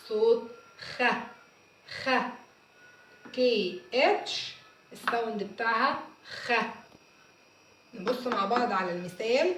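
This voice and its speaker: A woman with an Egyptian Arabic accent teaching a phonics lesson, sounding out letters slowly and repeating each word. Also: mid-range voice, slight background noise. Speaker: English teacher. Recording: echoey room, mic far off.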